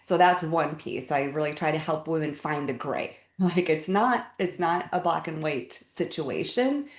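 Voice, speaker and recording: A middle-aged woman guest who explains health topics step by step in a relaxed, casual way, often repeating words as she goes. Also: deep voice, a little slow. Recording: echoey room.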